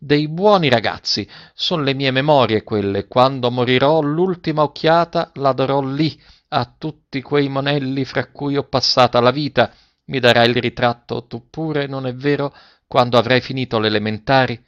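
A man voicing an ailing, affectionate old male schoolteacher who speaks gently and fatherly, in a storybook reading. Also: medium pitch, normal speed, natural voice. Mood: tender. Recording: dull dry lo-fi recording.

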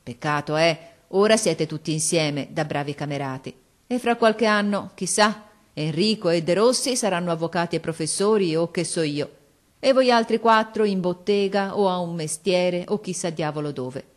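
A woman voicing a booming jovial working-class father. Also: normal speed, lightly acted. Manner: loud, jovial, toasting. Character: hearty boisterous working-class father, middle-aged.

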